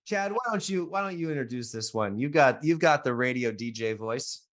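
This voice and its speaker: A man in his thirties co-hosting a casual podcast, telling a story in a halting way with many restarts. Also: mid-range voice, lively intonation, fairly bright tone, faint music behind. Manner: halting, restarts often, laughs easily. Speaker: podcast co-host.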